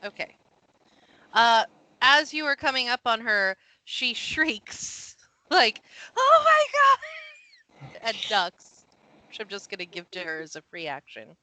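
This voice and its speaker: A woman narrating as game master of a tabletop game, animated and quick with asides. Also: fairly high pitch, rough recording.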